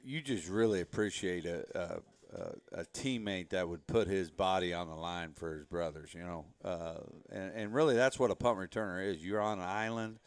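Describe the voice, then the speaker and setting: A man speaking as a head football coach in a relaxed interview, rambling a bit as he explains. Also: sits low, moderate pace, few pauses, no echo. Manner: relaxed, rambling, frequent "you know" fillers. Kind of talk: casual interview talk.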